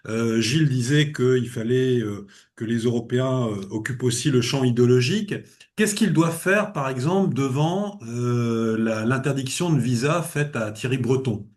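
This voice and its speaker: A man's voice: medium pitch, normal speed, darkish tone. A man with a French accent moderating a panel, relaying audience questions with frequent hesitations. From France. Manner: hesitant, many fillers while reading questions.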